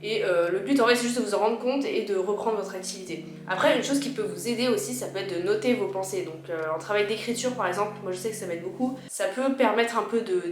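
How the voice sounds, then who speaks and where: A woman with a medium-pitched, slightly worn voice talks fast with few pauses, chatting informally as she gives her viewers personal advice in a casual vlog. She's a video creator, and the recording has a roomy echo, music behind her, and slight background noise.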